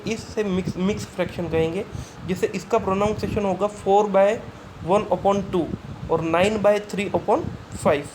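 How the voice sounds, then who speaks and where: A man teaching a school math lesson, explaining step by step, asking questions and answering them himself, and reading English definitions slowly. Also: sits high. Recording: noisy recording.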